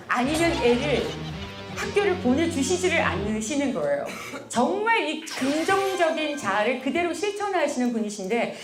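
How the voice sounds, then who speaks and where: A woman giving an animated, playful motivational lecture to a hall of soldiers. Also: high voice. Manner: animated, playful, addresses audience directly.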